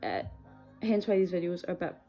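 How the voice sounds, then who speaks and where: A woman's voice: fairly low pitch, big pitch swings, a little fast, creaky, warm tone, soft background music. A young adult woman with a Scottish accent telling a personal story in a candid, hesitant, conversational way. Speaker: video series host.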